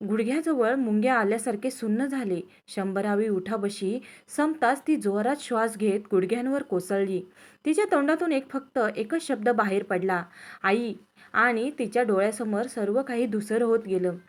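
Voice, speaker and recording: A woman storyteller reading a sad story aloud in a slow, dramatic, emotional way. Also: a little high. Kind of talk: scripted story narration.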